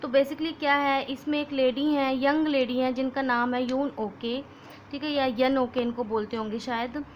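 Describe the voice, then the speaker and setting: A woman's voice: high-pitched, fairly even intonation, normal speed, slight background noise. A young woman teaching a lesson to children, switching between Hindi and English as she explains. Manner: mixes Hindi and English, addresses children as "beta".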